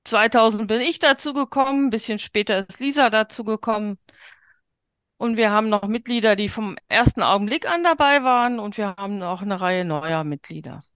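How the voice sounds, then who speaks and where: A woman's voice: medium pitch, brisk, a bit bright, smooth, no echo, clean studio sound. A woman guest on an interview podcast, steadily recounting a history with some hesitations. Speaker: guest, quilt group member. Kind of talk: interview answers, storytelling.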